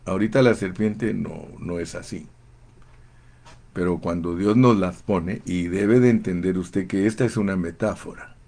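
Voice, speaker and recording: Slow, gravelly-voiced fervent preacher man. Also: deep voice, a little mellow. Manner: fervent, slow and emphatic, addresses listeners as brother. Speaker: pastor. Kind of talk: sermon.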